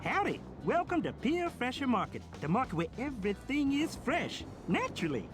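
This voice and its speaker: A man's voice: very high voice, huge pitch swings, normal speed, over loud music, heavily acted. A man playing a chatty, cheerful country grocer in an educational game. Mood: welcoming. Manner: folksy drawling country talk. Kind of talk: scripted educational game character acting.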